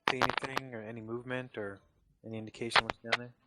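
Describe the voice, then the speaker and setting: A man's voice: mid-range voice, little pitch movement, fast, very noisy. A man speaking casually as a player in a tabletop game. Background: background music.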